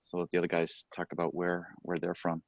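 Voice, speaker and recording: This is a middle-aged man with a low voice who has played in a touring brass group for decades. He talks in a loose, rambling way, restarting sentences and slipping in deadpan jokes. The sound is dry and close. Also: quick pace, dry recording. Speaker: founding member of a brass quintet. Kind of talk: casual Q&A answers at a masterclass.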